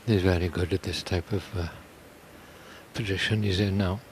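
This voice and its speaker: A man giving conversational live snooker commentary in an informal, unhurried manner. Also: sits low, fairly even intonation, very noisy.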